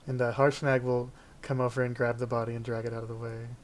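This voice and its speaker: A male game master narrates a tabletop fantasy game. His pitch is middling and his intonation is quite flat. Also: fast, a little hiss or hum.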